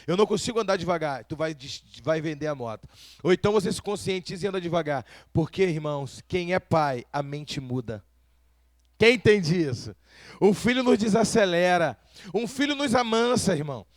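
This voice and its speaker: Male preacher from Brazil, high voice, dry close sound, addresses the congregation with frequent questions. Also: lively intonation, normal speed, no echo. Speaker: pastor. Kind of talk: sermon.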